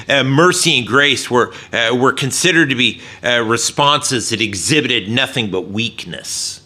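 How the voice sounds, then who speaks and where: Guy preaching a sermon, bright forceful voice, lots of uhs, goes quiet and low to make a point. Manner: earnest preaching with frequent "uh" fillers, dropping low and soft for emphasis. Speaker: pastor.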